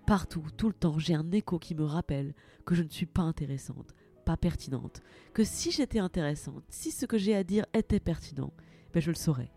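A woman with a fairly low voice hosts a personal podcast monologue. She addresses the listener directly in a lively, self-mocking tone. Faint music plays underneath. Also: a little fast, breathy edge. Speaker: podcast host.

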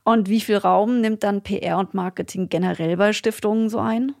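A woman's voice: mid-range voice, steady tone, normal speed, vocal fry, darkish tone, no room sound, studio quality. A woman hosting a podcast in casual conversation, asking questions and summing up. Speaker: podcast host.

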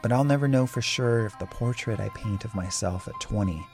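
Low-voiced man narrating reflectively over music. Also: a little mellow. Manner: reflective, measured storytelling. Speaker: podcast host. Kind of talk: scripted narration.

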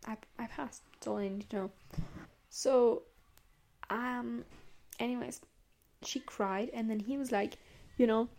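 A woman's voice: fairly high pitch, steady tone, measured pace, gravelly, a little mellow. A young woman hosting a podcast, delivering a heated, profane, rambling rant and dropping into hissed whispers on the insults. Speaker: podcast host. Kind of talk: casual monologue rant.

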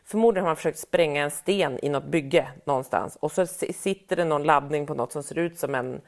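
A middle-aged woman, telling a story in casual chat and acting out other people's lines with big jumps in her voice. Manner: animated storyteller, acts out quotes with big pitch jumps. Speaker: podcast co-host telling a story.

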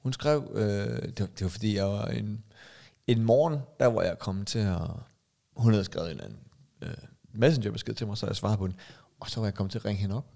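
A man's voice: on the low side, vocal fry, mellow. A man in his thirties co-hosting a casual podcast, rambling with lots of restarts and fillers. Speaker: podcast co-host. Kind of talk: casual chat.

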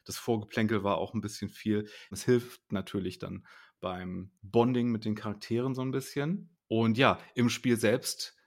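A man with a fairly low, creaky voice co-hosts a podcast, casually reviewing a series and laughing now and then. His intonation is fairly even and his pace moderate.

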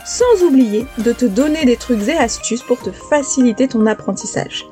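Lady teaching on her podcast, warm and kinda high, drags out example words. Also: soft background music. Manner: lively, clear teaching with slow, spelled-out examples. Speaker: French teacher and podcast host. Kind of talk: podcast language lesson.

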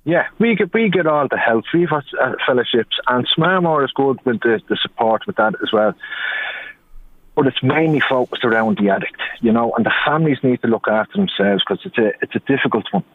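A man from Ireland talking as a radio interview guest in an earnest, halting, conversational way. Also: mid-range voice, expressive, no room sound. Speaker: interview guest, addiction recovery worker. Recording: tinny, narrow phone line.

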